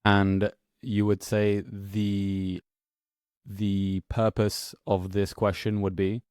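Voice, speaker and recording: A man hosts an interview podcast and asks questions in a calm, measured way. His voice is very low, slow and smooth. It is recorded close and dry. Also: no room sound. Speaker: podcast host.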